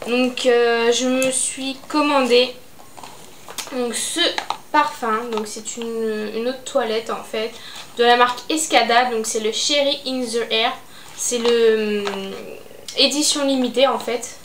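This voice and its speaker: A woman's voice: on the high side, steady tone, takes it slowly, a bit bright. A young adult woman chatting casually about her beauty and fashion purchases, hesitant with lots of fillers. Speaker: beauty vlogger. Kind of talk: casual haul chat. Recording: echoey room, faint noise.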